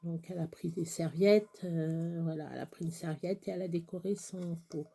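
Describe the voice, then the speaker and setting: A woman chatting casually through a crafting tutorial, rambling and halting with many fillers, sometimes dropping to a whisper. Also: on the low side, steady tone, creaky, warm tone, breathy edge. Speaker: craft vlogger.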